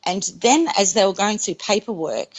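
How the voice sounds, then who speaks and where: A woman's voice: medium pitch, animated, moderate pace, poor audio. A woman giving an earnest, emphatic personal testimony in an interview. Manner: earnest, emphatic, repeats herself. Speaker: interviewee recounting a near-death experience.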